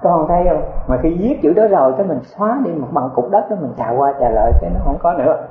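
An older monk giving a folksy, chatty dharma talk full of rhetorical questions. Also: male voice, on the high side, lively intonation, fast talker. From Vietnam. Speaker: Buddhist monk teacher. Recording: echoey, tinny phone-like sound with faint noise.

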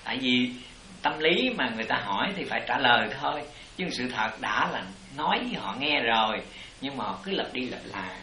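A man's voice: medium pitch, animated, fairly quick, bright, forceful tone, echoey room, slight background noise, rough recording. A man teaching as a Buddhist master, explaining to his disciples in a rambling, repetitive way. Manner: rambling explanations, repeats "it" constantly. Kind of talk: dharma talk answering disciples.

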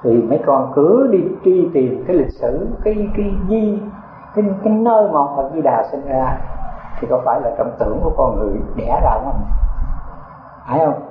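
A man's voice: medium pitch, expressive, moderate pace. Older man, Buddhist monk, folksy chatty dharma talk, echoey room, phone-like sound. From Vietnam. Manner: folksy, chatty, laughs often, rhetorical questions. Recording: echoey, tinny phone-like sound with faint noise.

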